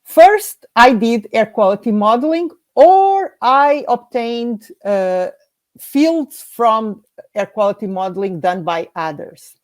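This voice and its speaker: A woman from Portugal, a scientist, giving a prepared slide presentation in a measured way, reading through lists. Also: fairly high pitch, expressive.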